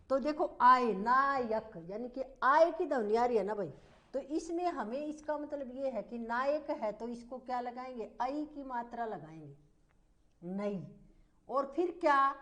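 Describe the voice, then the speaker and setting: A woman teacher giving a slow, repetitive grammar lesson, asking the class questions as she explains. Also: on the high side. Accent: Hindi.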